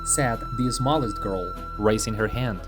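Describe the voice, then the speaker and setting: A man's voice: extremely high pitch, huge pitch swings, a little slow. Man narrating a storybook over music. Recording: music playing underneath.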